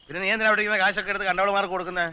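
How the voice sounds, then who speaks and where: A grumpy older head of the family who scolds everyone around him. His voice sits very high and sounds very bright and piercing. Every line comes out gruff and scornful, dripping with sarcasm. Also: flat delivery, racing, poor audio. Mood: scolding. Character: stern, scolding older father of a big family. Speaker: family patriarch. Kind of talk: film comedy acting.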